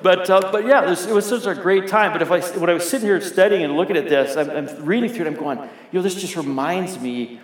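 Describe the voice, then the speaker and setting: A man's voice: high voice, fast talker, few pauses. A middle-aged man preaching a sermon as pastor, talking conversationally and putting questions to the congregation. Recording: echoey hall with long reverb.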